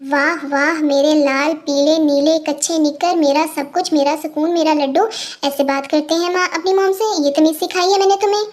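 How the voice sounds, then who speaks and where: A woman voicing a sharp-tongued, dramatic middle-aged mother in a fan audio story, scolding and complaining. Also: extremely high pitch, quick pace, few pauses.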